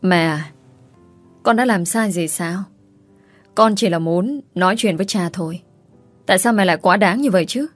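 A man's voice: high-pitched, normal speed, pauses often, fairly bright tone, no room sound, soft background music. A man voicing a tearful little boy pleading with his mother in an audiobook. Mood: hurt. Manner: sobbing, pleading. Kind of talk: audiobook character reading.

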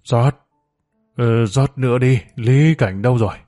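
A man's voice: medium pitch, unhurried, dark tone, faint music behind, natural voice. A man voicing a drunk, self-pitying male doctor who slurs and blubbers, read in a storybook. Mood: drunkenly cheerful. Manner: slurred, blubbering, pleading.

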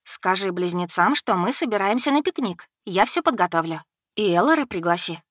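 A woman voicing a lively, caring young heroine with eager, animated speech. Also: mid-range voice, normal speed, no echo, studio quality.

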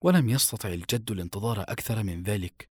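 A man narrating a novel as an audiobook in expressive storytelling style. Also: on the low side, fast talker, slightly rough, dry recording, clean studio sound. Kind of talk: scripted narration.

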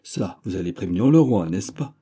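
A man's voice: low voice, lively intonation, moderate pace, warm tone, slightly rough. A man voicing a bold, boastful musketeer in an audiobook, brash and impatient, swearing as he demands things.

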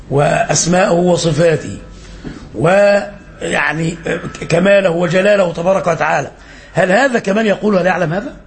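A man's voice: high-pitched, vocal fry, a little hiss or hum. A man with an Egyptian accent teaching an Islamic lesson as a sheikh, quizzing his listeners and repeating phrases for emphasis. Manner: quizzing listeners and filling in answers.

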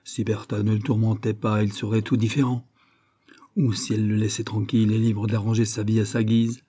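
A man reading an audiobook, voicing a chatty, gossipy wealthy society hostess with a confiding, emphatic manner and a husky voice. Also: lowish voice, flat delivery, brisk, dark tone.

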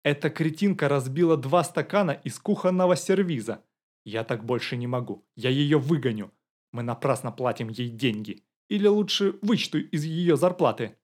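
A man's voice: mid-range voice, moderate pace, darkish tone, close to an everyday voice. A man reading an audiobook, voicing a furious, bitter middle-aged woman who shrieks her complaints. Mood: complaining. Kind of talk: audiobook character voice.

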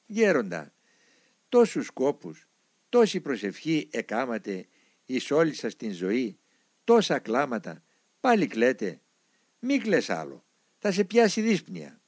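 A man's voice: medium pitch, huge pitch swings, pauses often, darkish tone, no echo, studio quality. A man doing a simple old monk pleading. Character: simple-minded old male monk, fussing.

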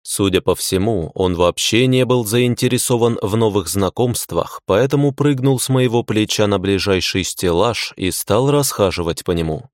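A male narrator reads a fantasy audiobook in a low, steady voice with a wry, matter-of-fact edge. He is recorded close and completely dry, with no room sound. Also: normal speed, few pauses, dry recording. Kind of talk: first-person audiobook narration.

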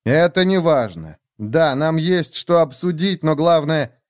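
A man voicing a shaken young man who speaks quietly and with strain, in a read-aloud story. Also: a little high, animated, unhurried, dry recording, studio quality, voice pushed up.

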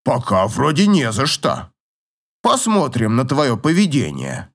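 A man voicing a gruff, teasing old professor in an audiobook, grumbling and chuckling in a slow drawl. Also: mid-range voice, huge pitch swings, heavily acted. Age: older.

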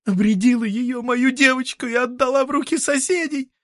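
A man's voice: moderate pace, no room sound, studio quality. Man doing a desperate, furious woman. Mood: pleading. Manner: shrill, pleading, shouting. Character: desperate, furious woman seeking forbidden knowledge. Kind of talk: audiobook character voicing.

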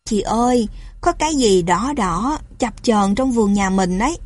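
A woman's voice: medium pitch, lively intonation, normal speed, lightly acted. A woman voicing a frightened young child whispering to an older sister. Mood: scared. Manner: fearful, hushed. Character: nervous little sibling, young child.

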